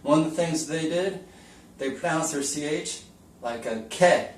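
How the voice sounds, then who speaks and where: Speaking at a moderate pace in a slightly high voice, a man teaches a relaxed whiteboard lesson, chatty and folksy, with questions for the viewer along the way. A camera taped to the wall records him from across the room, leaving roomy echo and some hiss or hum.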